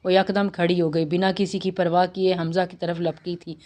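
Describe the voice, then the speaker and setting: A woman narrating a romance novel aloud with steady storytelling and occasional slips. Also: fairly low pitch.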